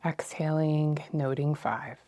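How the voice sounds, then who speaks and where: A woman guiding a meditation with slow breath counting, speaking in measured phrases with pauses between them. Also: deep voice, dark tone. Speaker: meditation guide.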